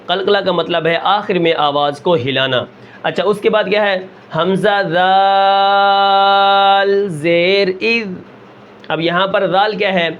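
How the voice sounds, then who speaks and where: A man with a Pakistani Urdu accent teaching Quran reading, drawing out each example syllable slowly and then asking and answering his own questions. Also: high voice, dull audio. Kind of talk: slow drilled lesson with rhetorical questions.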